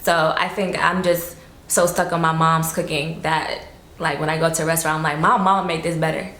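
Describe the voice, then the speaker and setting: A woman's voice: sits low, little pitch movement, a little fast, a bit bright, roomy sound. A woman from South Florida, chatting loosely as an interview guest, full of fillers and casual swearing.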